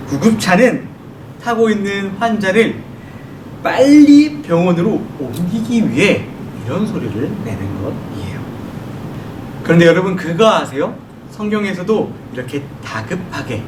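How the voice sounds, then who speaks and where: A man preaches to children in a high voice that swings up and down. He keeps asking the kids questions and answers them himself. The recording sounds roomy and distant, with a low rumble behind it. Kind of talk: children's sermon. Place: church worship room. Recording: echoey room from far off, noisy.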